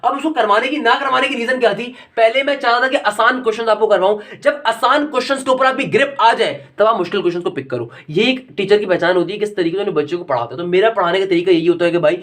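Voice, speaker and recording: A man giving a recorded maths lecture, talking to his students in a fatherly, lecturing way and slowing down to read out formulas. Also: sits high, fairly bright tone. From Pakistan. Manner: slows right down when reading out formulas. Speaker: maths teacher.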